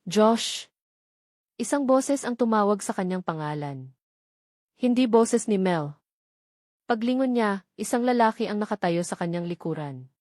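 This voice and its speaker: A Filipino woman reads scripted prose from a romantic drama, narrating it like an audiobook. Her voice is mid-pitched for a woman, with lively intonation, a moderate pace, long pauses, and a darkish tone. The recording is dry and close, with hardly any room sound and no echo.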